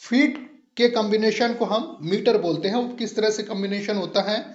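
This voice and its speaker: A man's voice: sits high, moderate pace. A male teacher, explaining a poetry term in a patient lecture and checking that students follow. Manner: patient, repeats points and checks understanding. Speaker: English literature teacher. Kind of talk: explanatory lecture, mixing Hindi and English. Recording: roomy, dull lo-fi sound.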